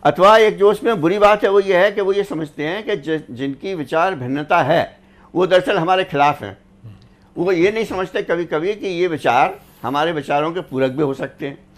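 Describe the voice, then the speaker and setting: A man speaking as a panelist on a studio news discussion, a former government officer who talks in a measured, reflective way and likes to quote couplets and sayings. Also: high-pitched.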